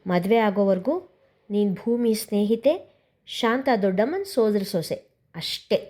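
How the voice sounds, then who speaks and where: A woman's voice: mid-range voice, animated, unhurried, dark tone. Woman playing an earnest pleading young man. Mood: restrained. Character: restrained young man Anil, pleading, polite.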